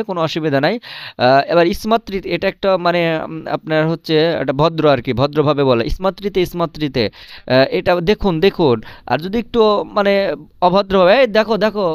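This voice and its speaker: A man's voice: high-pitched, clear, resonant tone, no echo, clean studio sound. A man giving a casual video lesson, with many filler hesitations and phrases repeated in a sing-song rhythm. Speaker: language teacher.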